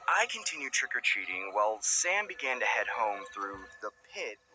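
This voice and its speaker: Lively young man narrating a scary story. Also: medium pitch, moderate pace, poor audio. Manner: expressive, suspenseful storytelling.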